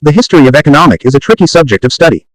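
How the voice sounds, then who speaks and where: A man's voice: on the high side, lively intonation, very fast, no echo, poor audio. A man dictating standalone practice sentences, reading them aloud for an English test.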